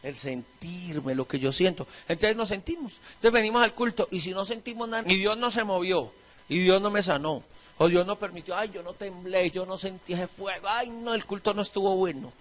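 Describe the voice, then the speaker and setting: A middle-aged Colombian pastor with a high, bright voice delivers a lively sermon. He shifts into little voices to mimic churchgoers and disciples, then snaps back to preaching. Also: normal speed. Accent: Colombian Spanish.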